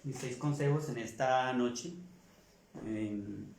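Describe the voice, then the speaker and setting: A middle-aged man, a native Spanish speaker, giving a French class lecture, repeating his advice slowly and asking rhetorical questions. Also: mid-range voice, creaky, echoey room, noisy background. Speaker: French teacher.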